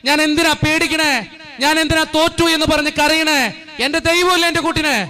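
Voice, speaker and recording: Fervent priest preaching, high voice. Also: male voice, steady tone, moderate pace, sharp tone. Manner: storytelling, rising to fervent repeated appeals. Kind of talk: sermon. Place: church courtyard.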